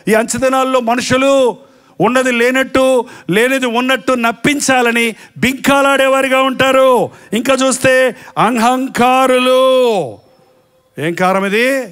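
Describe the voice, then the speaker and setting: Male pastor, live sermon, very high pitch, rhetorical and mocking. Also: steady tone, fairly bright tone, smooth. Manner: rhetorical questions to the congregation, with mocking asides; slow, emphatic listing of sins.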